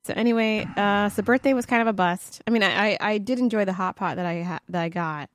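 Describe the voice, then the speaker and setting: A woman's voice: medium pitch, fast, dry recording, clean studio sound. A woman co-hosting a podcast in casual chat, sounding nasal and congested as she recovers from a cold, rambling and laughing often. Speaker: podcast co-host.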